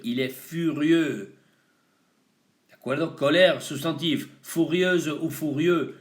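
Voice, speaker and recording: Slow, lively-voiced man teaching vocabulary. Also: medium pitch. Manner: slow, deliberate, switching between French and Spanish. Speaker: French teacher. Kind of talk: bilingual vocabulary lesson.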